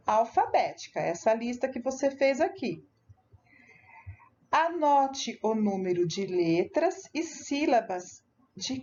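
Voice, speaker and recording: A woman's voice: fairly high pitch, darkish tone, lo-fi sound. A Brazilian woman teacher with a Brazilian Portuguese accent, patiently walking a young pupil through worksheets in a recorded remote lesson. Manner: slow, patient, addresses a child directly with tag questions. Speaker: primary school teacher.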